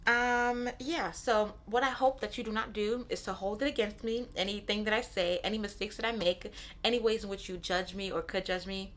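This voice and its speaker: This is a thirties-aged woman, born in Nigeria and raised in Brooklyn, New York, talking casually and candidly on her solo podcast, repeating phrases and tossing in frequent "right?" asides. Her mid-range voice holds a steady tone at normal speed and sounds fairly bright.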